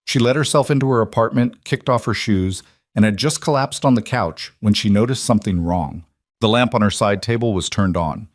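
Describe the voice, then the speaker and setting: A man narrates a story in a steady, even reading. His voice sits low, and the recording is dry and close with no room sound. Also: a little fast, no echo. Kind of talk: scripted audiobook narration.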